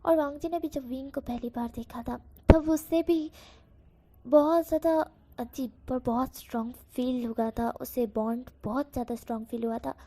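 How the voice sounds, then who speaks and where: A woman's voice: high-pitched, fairly even intonation, normal speed, dark tone. A woman casually telling a fan fiction story in a chatty way, correcting herself as she goes. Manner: chatty, with fillers and self-corrections.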